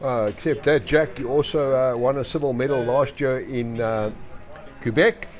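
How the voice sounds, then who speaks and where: A man's voice: mid-range voice, steady tone, normal speed. A man with a South African accent co-commentating a live youth match, chatty and full of filler words. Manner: chatty, many filler uhs. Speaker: sports commentator.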